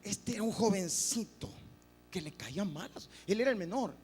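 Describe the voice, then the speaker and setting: Animated preacher, lively pitch. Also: male voice, moderate pace, slight background noise. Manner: animated, acts out quoted voices, addresses listeners as "hermano". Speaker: pastor. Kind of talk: sermon. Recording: reverberant church hall, faint music.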